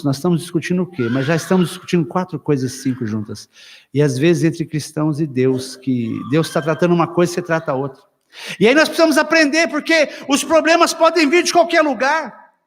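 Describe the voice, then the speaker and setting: A man preaching a lively, humorous sermon at a church couples' retreat, acting out everyday arguments. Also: fairly high pitch. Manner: lively, humorous, acts out dialogues. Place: church hall. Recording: long church hall reverb.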